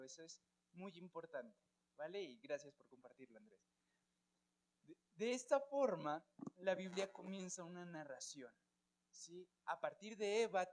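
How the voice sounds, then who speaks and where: A man with a Colombian Spanish accent leads a Bible class, his voice pitched high for a man. He keeps asking his students questions and checks that they are following along. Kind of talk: church Bible class teaching.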